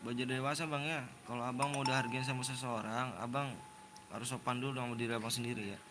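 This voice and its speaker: A man's voice: medium pitch, level tone, quick pace, background noise. A man in his twenties with a Jakarta accent, casually chatting on a game livestream, slangy and repetitive, lecturing viewers on manners. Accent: Jakarta Indonesian. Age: 20s. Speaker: livestream host running custom game rooms.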